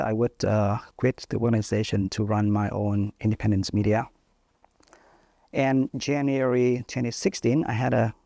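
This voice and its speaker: A man in his thirties from northern Vietnam, a native Vietnamese speaker, answering interview questions thoughtfully with frequent pauses and fillers. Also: medium pitch, gravelly, dark tone, dry recording. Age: 30s. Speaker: journalist guest.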